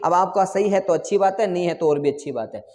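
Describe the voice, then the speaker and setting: A man's voice: high voice, expressive, fast talker, darkish tone, in a large hall. A male teacher giving an online exam-prep lesson, repeating answers and quizzing his students again and again.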